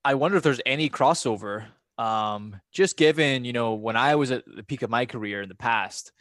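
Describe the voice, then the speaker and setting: A former pro gamer from Scotland, appearing as a podcast guest, chats casually and shares personal stories in an accent that's half Scottish, half American. His mid-range voice moves at a normal pace with a fairly bright tone, and the recording has no echo.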